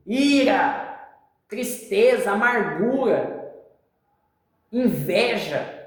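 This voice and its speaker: A woman's voice: medium pitch, darkish tone. A woman with a Brazilian accent teaching from the Bible in an informal, emphatic way, using slang and repeating her points. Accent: Brazilian Portuguese. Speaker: preacher. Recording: very echoey room.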